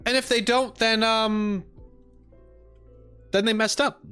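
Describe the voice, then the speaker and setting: Over background music, this streamer and reaction host chats casually about a game, his thoughts spilling out in brief, informal phrases that trail off. His voice sits high and smooth, with a sharp tone, fairly even intonation, and a slow pace.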